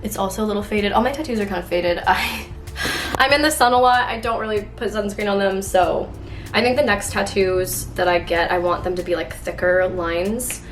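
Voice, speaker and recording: A woman's voice: medium pitch, moderate pace. Young woman vlogger, bubbly and chatty, filler-heavy talk, roomy kitchen sound, faint music behind. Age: 20s. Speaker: lifestyle vlogger. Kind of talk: casual chat to camera while baking. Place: home kitchen, indoors. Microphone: camera on the counter.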